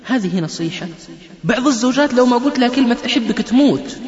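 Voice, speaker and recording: A man with a very high voice talks fast in a religious lecture on family life, telling stories and acting out the people in them as a lively storyteller. The recording is muffled and lo-fi, made in an echoey hall.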